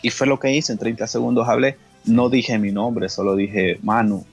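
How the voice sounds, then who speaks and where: A man's voice: mid-range voice, fairly even intonation, normal speed, vocal fry, breathy edge, faint music behind. A man with a Honduran accent, a guest singer and pastor, tells a personal story in an interview, acting out the dialogue and often repeating words. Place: radio studio.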